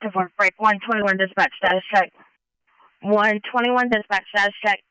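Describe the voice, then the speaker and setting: A woman's voice: mid-range voice, steady tone, moderate pace, sharp tone, clear, resonant tone, dry recording, low-quality recording. A woman dispatching units over police radio with clipped procedural calls.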